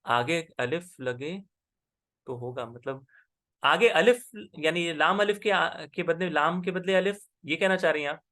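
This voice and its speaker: A man with a somewhat high voice teaches a class. He explains patiently and keeps pausing to check that the student is following. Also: pushed and bright. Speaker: Arabic grammar teacher. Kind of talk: online class lesson.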